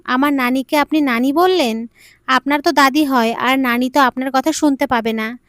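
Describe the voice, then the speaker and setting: A woman's voice: high-pitched, moderate pace, no echo, clean studio sound, natural voice. A woman voicing a naive, playful young girl bride who chats in a childlike, innocent way. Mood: sweet, pleading.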